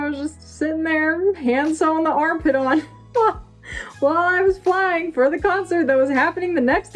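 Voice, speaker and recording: Giggly young woman chatting while eating. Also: on the high side. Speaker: vlogger. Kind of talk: casual chat reacting to old video.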